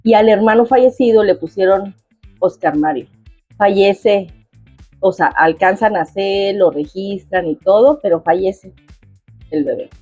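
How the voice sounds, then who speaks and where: A woman's voice: medium pitch, a little slow, warm tone, breathy edge, dry recording, faint music behind. A middle-aged woman with a Mexican accent, chatting casually to viewers in a rambling way, full of asides. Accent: Mexican Spanish. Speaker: cooking vlogger.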